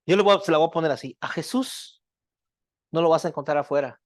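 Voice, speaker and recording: A preacher in full sermon mode, pelting the congregation with rhetorical questions and checking in with a steady "right?". The voice sits at a middling pitch and swings between strong lines and hushed, drawn-out ones. It is recorded close and dry, with no room sound around it. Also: no echo. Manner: checks in with repeated "¿verdad?"; loudness swings widely, dropping to hushed lines.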